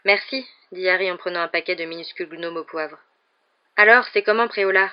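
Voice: medium pitch, brisk, highs cut off, natural voice. A reader doing a guarded teenage boy wizard.

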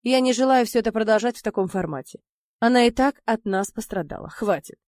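A cold, distant man who answers in short, flat statements, as a woman narrator voices him. The tone stays even and icy. The recording is close and dry. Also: on the high side, brisk, no room sound, lightly acted. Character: cold, detached, icy man of few words.

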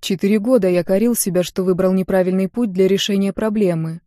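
A woman voicing the heroine's father, an older man who speaks quietly and gravely. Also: medium pitch, steady tone, fairly quick, no echo, clean studio sound, close to an everyday voice.

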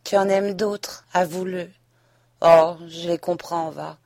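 A woman reading an audiobook and voicing a passionate young wife who pleads and then reproaches, a little higher and louder than her narration. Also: steady tone, takes it slowly, no echo, clean studio sound. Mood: pleading. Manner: impassioned, rising to reproach. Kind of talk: audiobook reading of a classic novel.

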